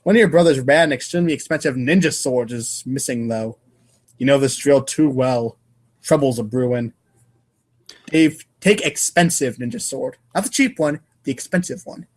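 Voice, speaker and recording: With a mid-range voice at a moderate pace, a man who co-hosts a podcast reads comic narration aloud. His delivery is loose and irreverent, and he occasionally stumbles over the lines.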